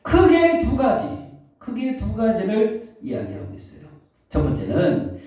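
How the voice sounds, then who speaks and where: A man preaching a sermon as pastor, questioning the congregation and answering himself, reading scripture slowly. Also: very high voice, wildly swooping pitch, dark tone. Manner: reads scripture slowly and deliberately. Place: church sanctuary. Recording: echoey hall, distant, dull mic.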